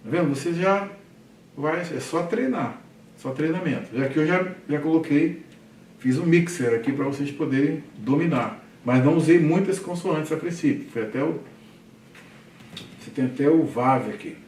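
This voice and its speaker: A man teaches a Hebrew reading lesson, explaining step by step and often checking in with his students. He sounds set back from the microphone in a roomy space with a faint hum behind him. He drills syllables slowly and loudly. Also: fairly high pitch, far from the mic. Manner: explains patiently, checks in with frequent "tá?" and "né?". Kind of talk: recorded language lesson. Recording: roomy echo, voice off-mic, faint background hum.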